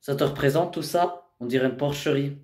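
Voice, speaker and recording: A man working as a youth educator, speaking firmly and insistently but keeping a calm voice during a tense reality TV confrontation. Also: fairly high pitch, a little fast, reverberant. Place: inside a family apartment.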